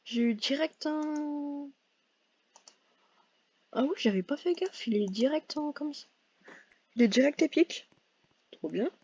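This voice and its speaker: A woman's voice: high-pitched, animated, a little slow, long pauses, dark tone, dry recording, dull audio. A woman giving casual, hesitant commentary over her gameplay, full of fillers and self-corrections. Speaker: gaming video creator.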